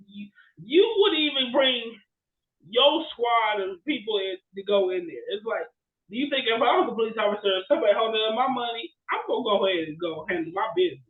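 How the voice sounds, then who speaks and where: Talking a little fast, a man with a high voice co-hosts a podcast and animatedly retells movie plots in casual conversation, often asking "right?" for agreement. His recording is echoey, somewhat muffled, and bandwidth-limited.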